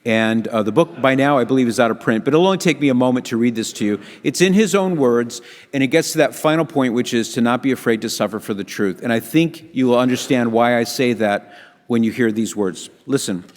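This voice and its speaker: A man's voice: mid-range voice, a little fast. A man giving a humorous storytelling talk at a conference, acting out the voices of the people he quotes. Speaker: conference speaker. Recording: long hall reverb.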